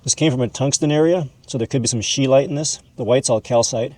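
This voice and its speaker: Speaking quickly in a medium-pitched, slightly mellow voice, this male host explains and shows things in a relaxed, folksy educational video. He's a mineral hobbyist educator who dubs objects "this guy," and there's no room sound.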